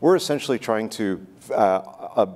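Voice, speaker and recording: A man in his forties speaking as a panelist on a conference stage, explaining briskly with filler "uh"s into a lapel mic. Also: lowish voice, lively intonation, a little mellow. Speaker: panelist, institute director.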